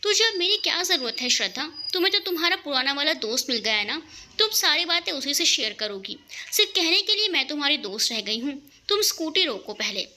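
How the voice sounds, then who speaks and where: A woman's voice: sits high, sing-song, fairly quick, pushed and bright, exaggerated voice. A woman voicing a sulky young woman who reproaches her best friend out of jealousy in a romantic audio story.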